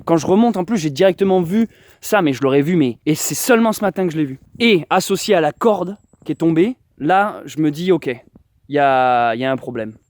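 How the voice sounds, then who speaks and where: Young male survivalist vlogger, slightly high voice, outdoors on a handheld camera, rambling and full of restarts. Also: expressive, brisk, darkish tone, slight background noise. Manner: rambling, restarts, addresses viewers directly. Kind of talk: casual vlog to camera. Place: outdoors by his bunker and orchard.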